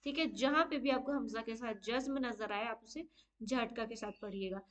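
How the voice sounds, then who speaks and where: A woman teaching an online lesson on Quran recitation rules, explaining each step patiently and often saying okay. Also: fairly high pitch. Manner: slow drawn-out chanted Arabic recitation.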